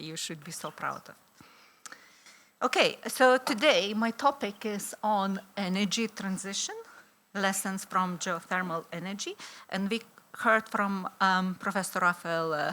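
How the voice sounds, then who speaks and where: A middle-aged woman with a Lithuanian accent gives an academic conference presentation in a lowish, sharp-toned voice. Her delivery is hesitant, full of fillers and restarts.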